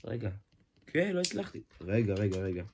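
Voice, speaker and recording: A man giving a casual hands-on toy review, excitable, exclaiming often and restarting his sentences. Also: lowish voice. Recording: noisy home recording with clicks.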